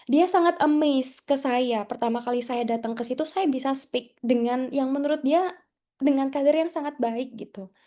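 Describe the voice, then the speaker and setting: A young adult woman from Indonesia speaks as a guest at an English class, telling stories to the students in a high, warm voice at normal speed. She uses many fillers and mixes in English words.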